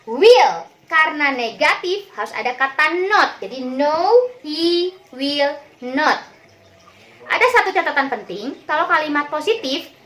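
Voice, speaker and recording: A woman teacher with a high, light voice leads a simple online lesson for young pupils. She speaks patiently, repeats each point, and addresses the children kindly. English example sentences run through her explanations. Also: fairly bright tone.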